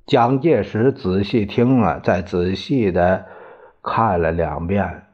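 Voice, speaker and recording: A man narrating a novel in a steady, measured storytelling reading, recorded with dull lo-fi sound. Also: sits low, slightly rough.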